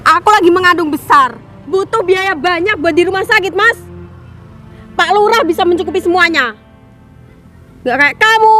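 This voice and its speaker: A woman's voice: extremely high pitch, normal speed, pauses often, bright, forceful tone, faint music behind. A woman playing an unfaithful young wife who talks to her husband in a scornful, dismissive way. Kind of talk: amateur skit acting.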